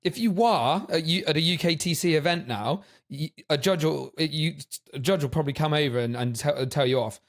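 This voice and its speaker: A man co-hosting a podcast, talking in a relaxed, hesitant way with laid-back humour. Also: fairly high pitch, a little fast, few pauses. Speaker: podcast co-host. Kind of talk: casual podcast chat.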